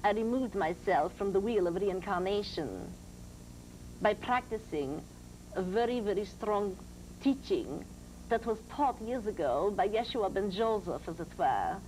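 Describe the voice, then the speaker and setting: Seance medium in a trance, high formal otherworldly spirit voice, grand n deliberate, noisy old tv tape. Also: male voice, expressive, darkish tone. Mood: solemn teaching. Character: serene, grand otherworldly spirit teacher of light. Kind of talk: trance channeling, preaching spiritual teachings.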